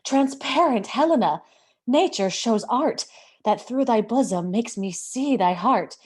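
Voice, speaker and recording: A woman's voice: fairly high pitch, expressive, a little slow, breathy edge. A woman reading the part of an ardent young male lover in an amateur Shakespeare read-through. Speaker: amateur reader in an online play reading.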